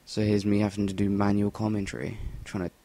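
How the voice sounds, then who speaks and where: A young English man narrates a shooter game in a fast, rambling, foul-mouthed voice-over. His voice is lowish, level, gravelly and warm, and as a gameplay commentator he records into an inexpensive Rock Band USB mic.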